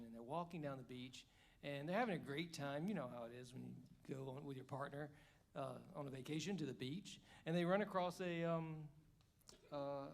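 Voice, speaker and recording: A man in his fifties from Georgia, a candidate giving a chatty, joking forum speech at an indoor evening event. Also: fairly high pitch. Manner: joking, chatty, rambling asides. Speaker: congressional candidate.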